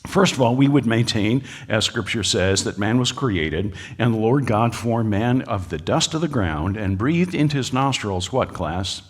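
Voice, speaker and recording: A man's voice: mid-range voice, animated, normal speed, few pauses, slightly rough, in a large hall. A man giving a public lecture to a live audience, folksy and joking, with frequent filler uhs. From United States. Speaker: speaker at a creationist talk. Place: lecture hall.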